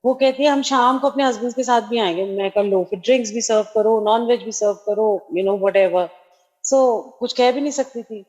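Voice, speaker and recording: A woman's voice: fairly high pitch, normal speed, a little mellow, highs cut off. A middle-aged woman, telling a personal devotional story in a chatty way, dropping in English phrases, over a remote call. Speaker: devotee sharing a testimony.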